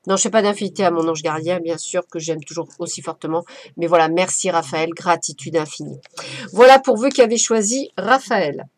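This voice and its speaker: A woman's voice: fairly low pitch, a little fast, no echo. A woman giving a casual, playful oracle card reading as a medium, chatty and effusive. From France.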